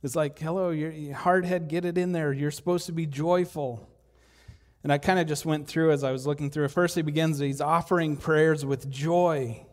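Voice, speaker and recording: A man preaching a sermon in a church, speaking conversationally with rhetorical questions and frequent restarts, at times poking gentle fun at himself. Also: a little high, steady tone, normal speed. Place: church hall. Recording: long hall reverb.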